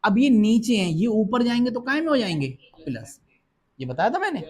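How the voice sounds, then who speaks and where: A male physics teacher giving a classroom lecture, asking the class questions and answering them himself, reading numbers out slowly and often checking in with a quick okay. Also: high voice, very animated, a little mellow, breathy edge. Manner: reads numbers out slowly and deliberately. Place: classroom with students present.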